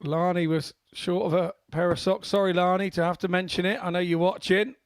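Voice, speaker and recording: A man's voice: sits high, steady tone, a little fast, clear, resonant tone, no echo, studio quality. A man co-commentating on live darts in a chatty, informal way with rambling asides.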